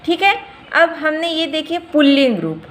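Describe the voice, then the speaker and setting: A woman teacher giving a grammar lesson, saying each form slowly and repeating it so students can practise. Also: high voice, big pitch swings. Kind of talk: grammar lesson explaining and drilling forms.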